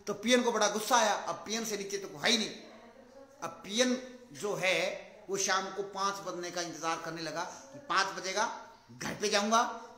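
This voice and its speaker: High-voiced guy giving a pep talk, lots of repeating and questions, echoey room. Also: pushed and bright. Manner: repeats points, asks rhetorical questions. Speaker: motivational speaker. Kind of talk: motivational talk with storytelling.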